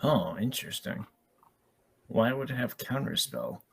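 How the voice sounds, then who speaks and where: A man's voice: medium pitch, sing-song, unhurried, gravelly, slightly rough. A man taking part as a player in a tabletop game, laid-back in his replies.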